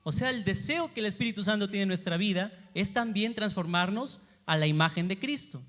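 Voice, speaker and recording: A man preaching a sermon, asking the congregation questions and moving between loud emphasis and quiet asides. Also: high-pitched, expressive, brisk, big-room sound. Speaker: pastor. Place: church sanctuary.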